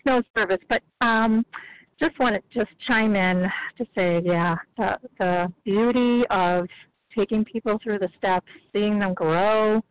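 A woman's voice: medium pitch, a little slow, no room sound. Woman on a bad, breaking-up phone line. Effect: breaking-up bad phone connection. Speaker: caller in a phone-in recovery meeting. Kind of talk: casual sharing. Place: driving on a mountain road. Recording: tinny cutting-out phone line.

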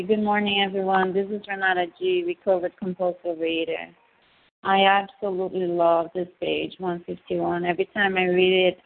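A woman's voice: fairly low pitch, vocal fry. A woman sharing personal experience on a group call, earnest and emphatic, peppering her talk with filler phrases. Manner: earnest, emphatic, says "you know" often. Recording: thin phone line.

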